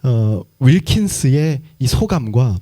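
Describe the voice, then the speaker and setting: A man's voice: mid-range voice, big pitch swings, slow pace, mellow. A man pastor preaching a sermon in a conversational way, asking the congregation many questions.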